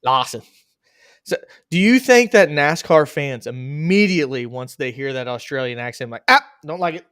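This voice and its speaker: A man hosting a casual racing chat podcast, joking and animated. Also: mid-range voice, normal speed, smooth, dry recording, clean studio sound. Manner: joking, animated, laughs at own bits. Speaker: podcast host.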